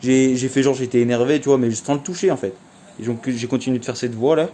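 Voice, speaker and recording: Chatty young man with a mellow voice. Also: medium pitch, steady tone, fast talker. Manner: chatty, slangy, many fillers like "en fait". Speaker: vlogger. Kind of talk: casual storytelling vlog.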